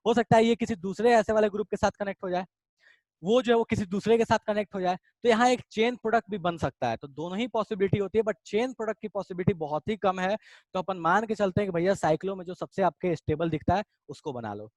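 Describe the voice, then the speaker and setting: Calling his students beta and reading out what they type in the chat, a man chattily explains chemical reactions in a casual online lesson. He has a high, slightly mellow voice with a quick pace, recorded without any room sound.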